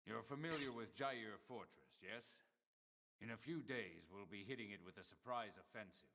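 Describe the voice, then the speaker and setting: An actor playing a stern, commanding male director general in a video game, with a measured, dry, authoritative delivery. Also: on the low side, creaky, noisy background. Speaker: game character.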